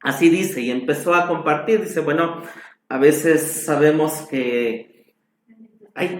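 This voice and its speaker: A man preaching a sermon as a pastor, slow and emphatic, his voice rising on exclamations. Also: medium pitch, echoey room. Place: church hall.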